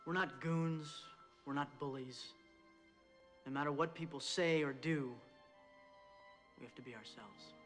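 Film drama: earnest American coach in his thirties, halftime pep talk, lightish pitch, score behind. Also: bright, forceful tone. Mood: earnest, sober. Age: 30s. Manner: earnest, emphatic, deliberate. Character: earnest young hockey coach rallying his team. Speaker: youth hockey coach. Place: locker room. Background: film score music.

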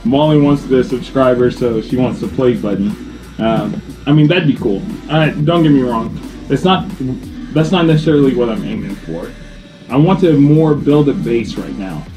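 Young man, home vlogger, easygoing chat straight to the camera, mid pitch, music under the voice. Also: moderate pace, rough recording. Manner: chatty, relaxed, laughs at himself. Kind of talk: casual talk to camera. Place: home kitchen, indoors. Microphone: camera on a counter, close. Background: background music.

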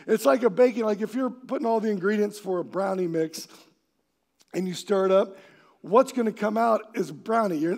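A man pastor preaching a sermon in a church, animated and acting out quoted voices, sometimes shouting for emphasis. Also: high voice. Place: church sanctuary.

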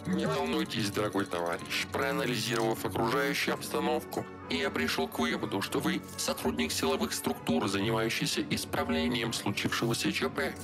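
An actor playing a polite, unflappable robot train conductor in a video game, speaking in formal, bureaucratic, overly courteous phrases. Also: male voice, on the low side, animated, fairly quick, few pauses, over music. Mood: placating.

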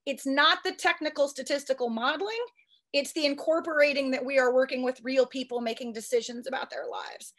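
A woman who is a statistics professor giving a quick, eager conference talk with frequent restarts. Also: sits high, steady tone, a bit bright. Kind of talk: fast conference presentation.

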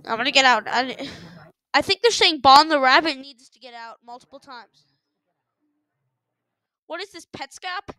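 A young woman giving casual reaction commentary, sarcastic and excitable, breaking into loud startled yelps and gasps. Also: high-pitched, moderate pace, pauses often. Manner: sarcastic running jokes. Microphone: headphones on while recording.

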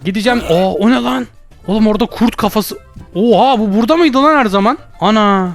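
A young man rattles off jokey gameplay commentary at a quick clip. His voice sits high and jumps into loud comic outbursts. Faint music plays beneath him. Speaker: gaming YouTuber.

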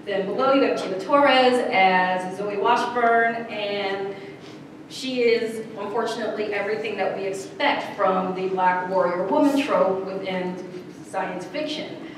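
A woman's voice: mid-range voice, a little slow. A woman moderating a convention panel, joking and playful as she sets the rules and asks for examples. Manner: playful, joking, laughs often. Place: large echoey convention room. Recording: echoey hall recording from far off, with noise.

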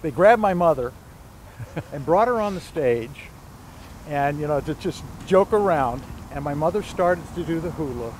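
The recording is low quality, with slight background noise, as a man in his sixties from Hawaii recounts family stories during a conversational interview on palm-lined church grounds. He speaks a bit slowly in a fairly high voice, lively and gesturing as he goes.

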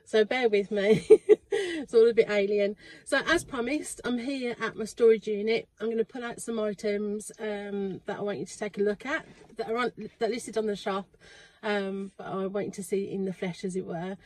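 A middle-aged online reseller talks quietly to camera from inside a storage unit, her medium-pitched voice moving at a moderate pace. She rambles casually, using lots of fillers, and the audio is poor.

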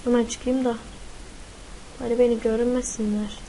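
High-pitched jittery gamer girl. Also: little pitch movement, normal speed, mellow, a little hiss or hum, poor audio. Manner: frightened, swears a lot, shrieks in panic. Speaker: gaming YouTuber. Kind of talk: live gameplay commentary.

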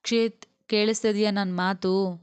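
A woman's voice: medium pitch, fairly even intonation, measured pace, a little mellow, smooth, dry recording, lightly acted. A woman voicing a grieving young mother who speaks tearfully and turns bitter.

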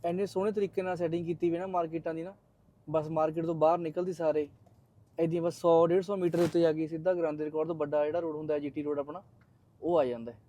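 Male vlogger, Punjabi accent, higher-pitched voice, rapid chatty delivery to camera. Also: steady tone, mellow. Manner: chatty, addresses viewers as friends. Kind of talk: casual vlog narration to viewers.

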